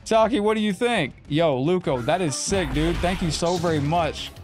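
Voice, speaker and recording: Man, game streamer, excitable casual chat, slightly high pitch, faint background music. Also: moderate pace. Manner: excitable, talks to chat and his cat.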